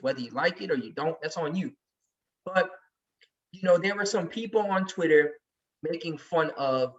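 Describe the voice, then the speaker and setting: A man's voice: fairly high pitch, a bit bright. Heated man, distant and muffled. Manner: emphatic, heated storytelling. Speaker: sports podcast regular. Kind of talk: casual chat.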